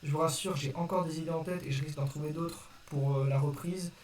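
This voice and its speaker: A man's voice: on the high side, steady tone, fast talker, a little mellow. Young man, roomy distant recording. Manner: hesitant, apologetic, explanatory, self-correcting. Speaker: video creator addressing viewers. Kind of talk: casual unscripted vlog explanation. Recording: distant roomy mic with faint noise.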